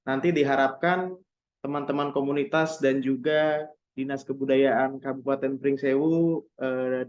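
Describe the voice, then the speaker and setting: Man moderating formally over a video call. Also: medium pitch. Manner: measured, formal, with hesitation fillers. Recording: dull lo-fi video call audio.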